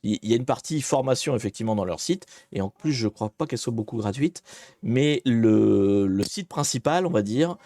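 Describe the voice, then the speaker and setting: Lively, rambling male stream host. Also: mid-range voice, normal speed, no echo. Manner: chatty, rambling, many hesitations; self-deprecating, greets viewers by name. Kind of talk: casual live-stream hacking tutorial.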